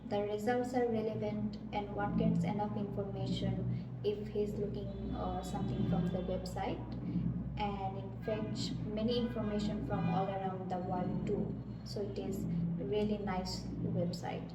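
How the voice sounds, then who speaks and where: Young woman from Bangladesh, test candidate, halting delivery; heard from a distance in an echoey room with loud background noise. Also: mid-range voice, level tone. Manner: hesitant, searching for words, with frequent fillers. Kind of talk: mock speaking exam answers.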